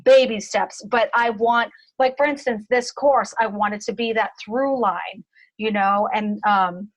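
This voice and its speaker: A woman's voice: medium pitch, fairly even intonation, unhurried, low-quality recording. A woman hosting a casual group chat, talking in a rambling way and repeating words as she works out her thought. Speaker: group host.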